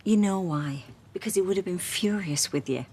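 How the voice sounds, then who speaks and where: A woman's voice: fairly low pitch, normal speed, dark tone, breathy edge. An actress playing a defensive mother, lecturing her daughter in a stern, insistent way.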